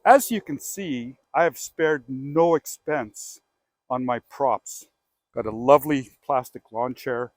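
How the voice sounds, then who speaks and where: A man's voice: mid-range voice, dry recording. Chatty Canadian man telling a story. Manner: chatty and animated, acts out both sides of phone calls. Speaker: real estate agent hosting his own show. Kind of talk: casual storytelling to camera. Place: outdoors by a house.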